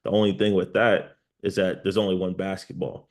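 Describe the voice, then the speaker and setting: A man from New York with a low voice and very level intonation, speaking as a guest sports analyst. He lays out his reasoning in emphatic, list-like points. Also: flat delivery, a little fast, darkish tone. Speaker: sports journalist, interview guest. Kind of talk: basketball analysis in an interview.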